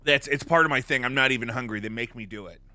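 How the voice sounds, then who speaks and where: A man's voice: mid-range voice, fast, sharp tone, no room sound. A man hosting a podcast while eating, asking rambling, joking questions full of fillers. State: eating during the show. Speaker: podcast host. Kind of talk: casual interview chat.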